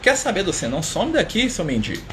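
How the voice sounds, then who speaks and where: Brief: harsh, bitter male leper, told by a male storyteller, pitched slightly up. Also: huge pitch swings, fast talker, fairly bright tone, slight background noise, full character voice. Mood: angry. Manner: harsh, scolding, raised pitch. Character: bitter, aggressive male leper, sick and suffering.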